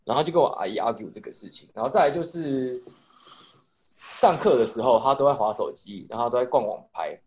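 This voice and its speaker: Fast-talking young Taiwanese man. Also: mid-range voice, lively intonation, darkish tone. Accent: Taiwanese Mandarin. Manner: rapid rambling storytelling with swearing and restarts. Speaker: podcast co-host telling a story. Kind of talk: casual chat.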